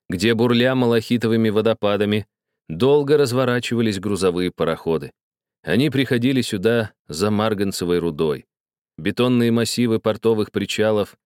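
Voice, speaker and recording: A man reading a novel aloud in a steady, measured way. His voice sits somewhat low and the recording is dry and close. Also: smooth, dry recording. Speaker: audiobook narrator. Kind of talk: scripted narration.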